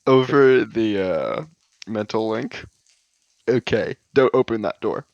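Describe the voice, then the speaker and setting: Gravelly, lowish male player, dull recording. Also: animated, slow, no echo. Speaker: tabletop game player. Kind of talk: casual in-character game chat. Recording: dull, dry close lo-fi sound.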